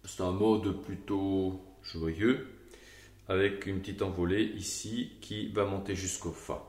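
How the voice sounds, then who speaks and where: A man's voice: low-pitched, steady tone, slow pace, a little mellow, reverberant. A man teaching Gregorian chant to a choir, explaining the melody and now and then singing short examples.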